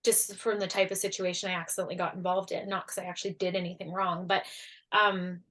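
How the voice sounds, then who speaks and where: A woman telling a personal story as a guest in a casual interview, animated and full of fillers, acting out what people said. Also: on the low side, quick pace. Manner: animated, acts out quoted voices, many fillers. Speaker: guest, energy healer and coach.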